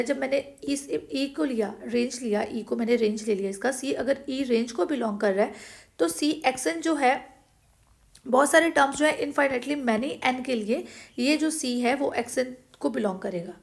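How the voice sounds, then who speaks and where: High-voiced woman teaching math, gravelly. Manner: explains step by step, repeating each point and asking rhetorical questions. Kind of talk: blackboard math lecture.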